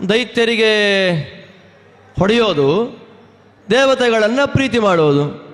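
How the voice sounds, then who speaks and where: A man's voice: high voice, expressive, slow, a bit bright. A man from Karnataka giving a devotional discourse, telling scripture stories with rhetorical questions and chanted Sanskrit verses. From Karnataka, India. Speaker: religious discourse speaker. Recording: reverberant hall.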